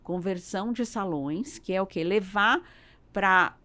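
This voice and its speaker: Her voice is mid-range and sharp-toned, moving a little slowly. A Brazilian business owner guesting on a podcast, she hunts for words throughout the chatty interview and keeps adding tag questions.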